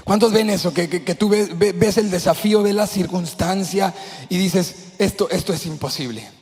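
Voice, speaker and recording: A male pastor preaching a sermon in a church sanctuary, passionate, swinging between shouts and hushed asides. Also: sits high, fairly even intonation, normal speed. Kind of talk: Spanish-language sermon. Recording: long church hall reverb.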